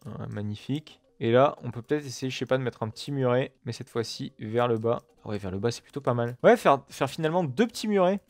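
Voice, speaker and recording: A man's voice: medium pitch, animated, quick pace, hardly any pauses, no room sound. Man, casual gameplay commentary, chatty and profane, lots of fillers, dry close sound. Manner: chatty, swears often, many fillers and asides to viewers. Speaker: gaming video creator. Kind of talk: casual let's-play commentary. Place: at his computer while recording gameplay.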